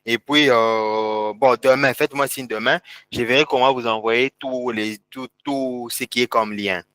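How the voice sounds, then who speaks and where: A man's voice: mid-range voice, steady tone, moderate pace, a bit bright, no room sound. A man teaching a live online class, guiding students step by step through on-screen settings and repeating key words. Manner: repetitive, step-by-step pointing at screen. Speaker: instructor.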